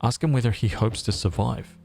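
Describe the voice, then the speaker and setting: Gravelly man reading a game aloud. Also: medium pitch, brisk, a little mellow, faint music behind. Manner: casual, reacts with slang. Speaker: gaming video host. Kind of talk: reading game text aloud with casual commentary.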